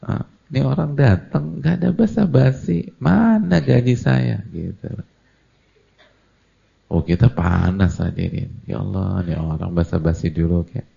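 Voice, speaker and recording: A man gives a lively, conversational sermon and keeps turning to the audience with questions. His voice is very low, dark and husky, with plenty of gravel in it. The lecture recording is dull and lo-fi. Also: moderate pace. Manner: animated, acts out quoted voices, asks the audience questions. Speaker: Islamic preacher.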